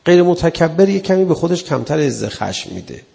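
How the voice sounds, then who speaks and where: A man's voice: on the high side, big pitch swings, creaky, warm tone, long reverb tail. A man giving an earnest religious sermon in a conversational way, acting out the people he quotes. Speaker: preacher.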